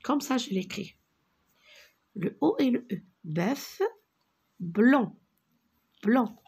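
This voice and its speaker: A woman leads a reading lesson for young children at a very slow, careful pace. Her voice is gravelly with a husky edge. She repeats each word and sounds out the syllables one by one. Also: fairly high pitch, lively intonation, a little mellow. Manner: drops to a whisper on single words. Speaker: teacher.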